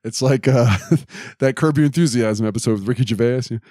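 A man's voice: mid-range voice, moderate pace, warm tone, dry recording, studio quality. A man co-hosting a podcast in casual chat, recapping the plot and adding trivia. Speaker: podcast co-host.

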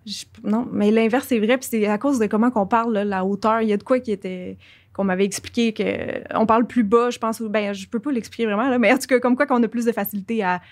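A woman in her thirties with a Quebec French accent, chatting casually as a podcast guest, quick and chatty with lots of fillers. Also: on the high side, fairly even intonation. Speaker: podcast guest, content creator. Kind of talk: casual chat.

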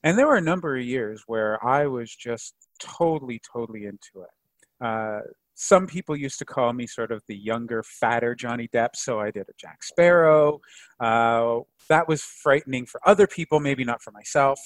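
A man chatting casually as a podcast guest, telling anecdotes in an animated, jokey way. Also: mid-range voice, moderate pace, no room sound. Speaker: podcast guest, microbiology expert.

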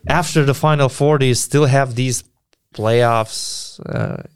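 A man's voice: mid-range voice, slow, clear, resonant tone, no room sound, clean studio sound. A man co-hosting a basketball podcast, giving emphatic opinions in casual discussion and often repeating his point.

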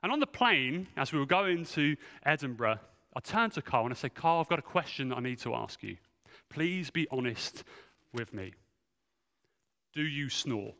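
A man's voice: medium pitch, expressive, normal speed, sharp tone. A man preaching a sermon, telling a humorous, self-mocking story from the church stage. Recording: long reverb of a large hall.

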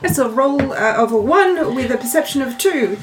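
A playful player reporting her rolls in a somewhat high, light voice. Faint music runs underneath. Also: expressive, normal speed. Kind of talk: casual tabletop play.

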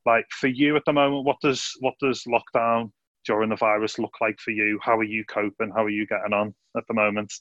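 A man's voice: on the low side, little pitch movement, brisk, a bit bright, dry recording. Male youth host, chatty and upbeat, dry lo-fi video call sound. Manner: chatty, upbeat, calls people mate. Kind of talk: casual video call interview. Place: living room.

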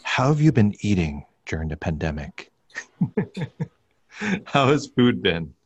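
A man's voice: low-pitched, very animated, measured pace, slightly rough, muffled recording. A man hosting a podcast who keeps the talk moving with questions for his guests. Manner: prompting with questions. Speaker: podcast host. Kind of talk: casual interviewing.

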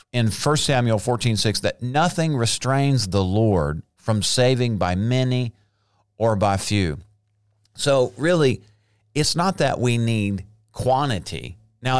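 Brief: lowish, smooth-voiced man, earnest devotional talk, dry close sound. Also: no echo. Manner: earnest, conversational, reads statistics aloud.

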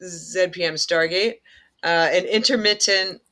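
Brief: male podcast host, high voice, bright and crisp, easygoing banter. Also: fairly even intonation, unhurried. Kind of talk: casual chat.

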